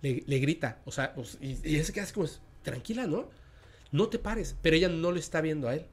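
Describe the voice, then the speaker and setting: A man with a Mexican accent casually telling a spooky story as a podcast host, with a dramatic delivery that sinks into a hush at tense moments. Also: fairly high pitch, rapid-fire.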